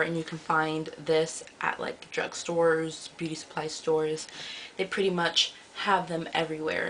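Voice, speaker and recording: A woman's voice: lowish voice, a bit bright, low-quality recording. A young woman from the United States giving a casual, rambling hair review on her vlog, full of ums and self-corrections. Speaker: beauty vlogger. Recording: faint background noise.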